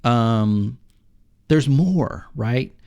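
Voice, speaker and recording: A middle-aged man co-hosting a podcast, telling rambling, animated stories about the games he plays and acting out the other players. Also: mid-range voice, very slow, smooth, dull audio. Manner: rambling, animated storytelling with acted-out quotes. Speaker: podcast co-host. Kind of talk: casual chat about video games.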